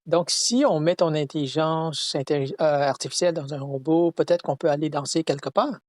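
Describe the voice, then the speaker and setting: A man casually chatting with an AI assistant, speaking haltingly with many hesitations and restarts. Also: a little high, fairly even intonation, no room sound, studio quality. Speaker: host chatting with an AI. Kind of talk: casual chat.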